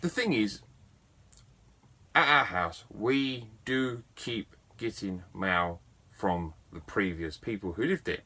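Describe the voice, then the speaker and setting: A man's voice: lowish voice, lively intonation, slow, pushed and bright. A middle-aged man, a game collector telling a story to camera in a chatty, enthusiastic and self-mocking way. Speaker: video game collector vlogger.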